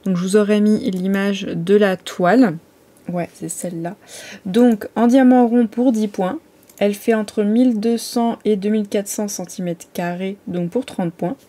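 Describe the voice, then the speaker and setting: Mellow-voiced woman vlogging casually. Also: mid-range voice, fairly even intonation, unhurried. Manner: chatty, hesitant, many fillers and restarts. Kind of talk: casual vlog chat.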